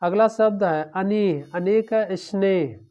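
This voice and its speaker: A man teaching an exam-prep lecture, drilling through word pairs one after another in a steady, repetitive way. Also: high-pitched, slow pace. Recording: dull lo-fi recording.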